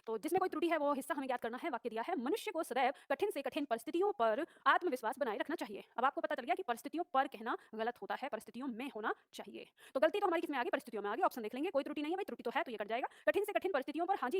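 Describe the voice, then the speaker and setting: A woman teacher rushing through exam questions and explaining each answer briskly. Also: sits high, lively intonation, dry recording, clean studio sound. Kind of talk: exam-prep class.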